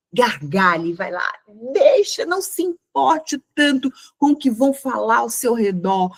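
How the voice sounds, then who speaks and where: A woman's voice: a little high, dry recording. A middle-aged Brazilian woman giving an earnest motivational talk to a women's community, acting out little scenes in quoted voices. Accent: Brazilian Portuguese. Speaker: mentor speaking to a women's community.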